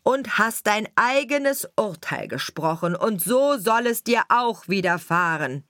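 Stern old king, solemn, slow delivery, dry sound, woman narrator doing him. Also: mid-range voice, expressive, fairly bright tone, no echo, pitched above the performer's own voice.

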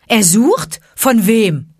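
A woman's voice: lowish voice, sing-song, unhurried, slightly rough, no room sound, studio quality, exaggerated voice. Mowgli, a woman doing a defiant wolf-boy. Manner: crying out defiantly. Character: bold defiant boy raised by wolves.

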